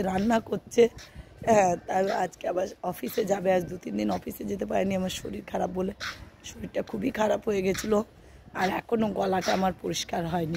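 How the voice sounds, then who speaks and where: A middle-aged woman vlogger with a cold-hoarse, gravelly voice chats softly to her viewers, drifting along with plenty of fillers. She films herself on a phone up on an outdoor rooftop, with a faint murmur of outdoor sound behind her. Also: medium pitch, a little hiss or hum. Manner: soft, slow and chatty with many fillers. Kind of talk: casual chat to viewers.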